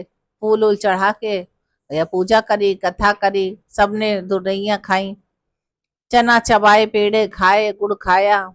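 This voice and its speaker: A woman's voice: medium pitch, dry recording. A woman narrating a devotional folk tale in a homely, chatty way, now and then addressing the listener directly. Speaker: storyteller.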